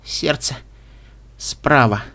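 A man voicing a wounded young woman who speaks softly and quietly in an audiobook reading. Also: medium pitch, unhurried. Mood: weak.

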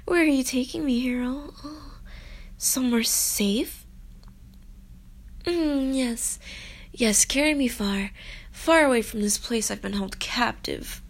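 Woman acting a coy, creaky-voiced young captive princess. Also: high voice, takes it slowly, pauses often, heavily acted. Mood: breathy, relieved. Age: young adult. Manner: breathy, coy, pleading, playful. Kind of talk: intimate audio role-play.

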